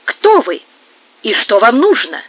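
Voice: medium pitch, huge pitch swings, unhurried, husky, no echo, heavily acted. The reader voicing a male yard worker who sounds wary and cheeky, in an audiobook. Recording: narrow phone-like sound.

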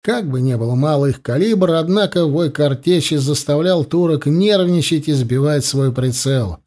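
A man narrating an audiobook in a steady storytelling manner. His voice sits slightly high for a man, and he voices the sound effects himself. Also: normal speed. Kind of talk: scripted narration of a war novel.

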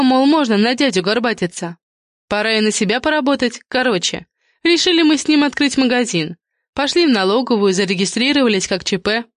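A squealing, gossipy middle-aged woman, put on by a female narrator nags at high pitch in quick chatter. The sound is dry and close, as in a read storybook. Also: dry recording, close to an everyday voice. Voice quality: shrill, squealing. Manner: rapid nagging chatter.

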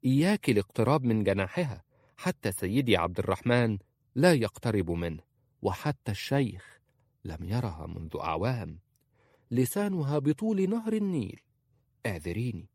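A man's voice: medium pitch, darkish tone, dry recording, clean studio sound, voice pushed up. A man voicing a chatty, gossiping maid in a storybook reading. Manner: gossipy, confiding.

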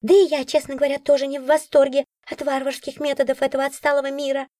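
A woman's voice: high-pitched, flat delivery, quick pace, mellow, no echo, clean studio sound, pitched above the performer's own voice, close to an everyday voice. A woman voicing a grumpy, bossy talking magic book who scolds and snaps. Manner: scolding, snappish.

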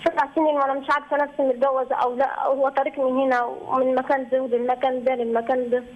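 A woman's voice: high-pitched, flat delivery, fast talker. A young Egyptian woman calling in for advice, pleading and repeating herself as she pours out her situation. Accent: Egyptian Arabic. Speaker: caller seeking advice. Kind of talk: emotional phone-in call. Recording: muffled phone line.

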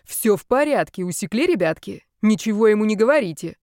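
A woman voicing an arrogant, quick-tempered young man who talks in a curt, sneering way. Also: mid-range voice, lively intonation, a little mellow, no room sound, studio quality, lightly acted. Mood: bossy.

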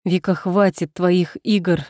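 A woman's voice: fairly low pitch, steady tone, slow pace, no echo, clean studio sound. A woman voicing a fierce, defiant young heroine in a first-person story, speaking with barely held fury. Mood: furious. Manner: furious, forceful.

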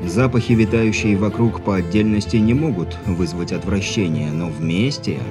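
Male audiobook narrator, low voice, wry and even, faint music bed. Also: normal speed. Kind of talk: scripted narration.

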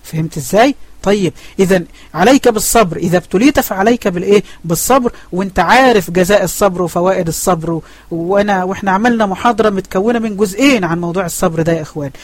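Fast-talking Egyptian man teaching a lesson. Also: high voice, no echo. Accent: Egyptian Arabic. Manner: asks questions and answers them himself. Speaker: religious teacher. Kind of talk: online religious lesson. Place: online voice chat room.

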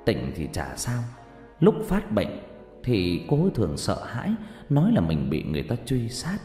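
A man narrating a horror story with dramatic, expressive delivery. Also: mid-range voice. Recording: echoey reverb with background music.

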